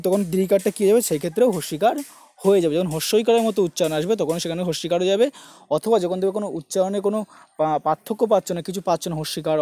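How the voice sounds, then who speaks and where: A man's voice: sits high, dark tone. A man teaching an online exam-prep lesson, breaking words into syllables for his students and asking them rhetorical questions as he goes.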